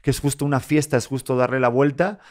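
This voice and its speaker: A man hosting a podcast and chatting casually, an emotional, jokey and animated storyteller. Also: medium pitch, fast talker. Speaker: podcast host. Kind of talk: casual chat.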